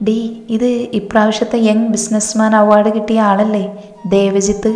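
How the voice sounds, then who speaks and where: A woman voicing a spoiled, proud rich young woman who boasts and claims what she wants, in a flat storybook voice. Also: medium pitch, normal speed, lightly acted. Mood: boastful. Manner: boastful, possessive. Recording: echoey room with soft music.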